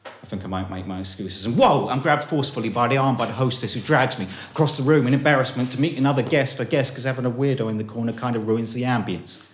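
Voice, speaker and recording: A man's voice: fast, a little hiss or hum. Man telling a comic spoken-word story. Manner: comic, self-mocking storytelling, swinging from low mutters to high panicky outbursts. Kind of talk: live spoken-word performance. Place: small live gig in a room. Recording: roomy live room.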